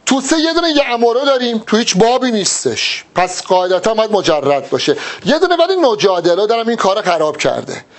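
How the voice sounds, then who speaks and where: A male Persian-speaking tutor with a high-set voice that climbs and drops a lot. He walks through each exam answer step by step and speaks straight to the student. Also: big pitch swings, few pauses. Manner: explains step by step, addresses the student directly. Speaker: Arabic grammar teacher. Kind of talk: exam-prep lesson.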